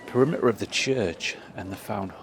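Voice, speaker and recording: Filming his history vlog in a churchyard, a middle-aged man reads old inscriptions aloud and talks with real enthusiasm. His voice is lowish, creaky, and fairly quick. Soft music plays in the background, and the noisy outdoor recording also picks up birdsong.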